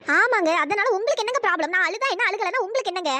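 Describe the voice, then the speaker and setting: A fiery young college woman who scolds in a squeaky, rapid-fire cartoon voice, as a performer puts her on. She is exasperated and sharp with everyone, and the sound is close and dry with no room around it. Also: expressive, no echo, full character voice. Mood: irritated. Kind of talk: cartoon storytelling dialogue.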